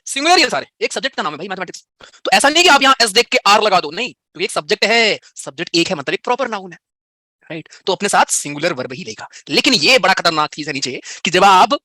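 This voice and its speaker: A young man with an Indian accent teaches English grammar in a live online class, mixing Hindi with English terms. He talks quickly in a high, bright voice. The sound is close and dry, with no room around it. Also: dry recording. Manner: chatty, explains in Hindi with English terms, answers students' chat questions.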